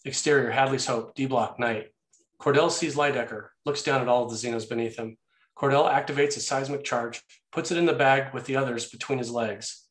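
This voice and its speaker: Reading scene headings and action aloud from a screenplay, this man speaks briskly in a steady, medium-pitched voice. He was recorded in an echoey room.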